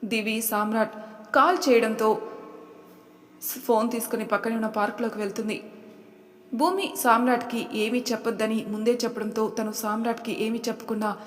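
A woman's voice: a little high, fairly even intonation, moderate pace, pauses often, in a large hall. A woman narrating an audiobook story in a chatty way, talking to her listeners.

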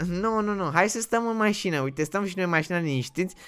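Panicky bright-voiced young man pleading. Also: sits high, lively intonation, clear, resonant tone. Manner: panicky, pleading, shouts repeated pleas. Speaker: roleplay streamer. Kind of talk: casual game roleplay chat.

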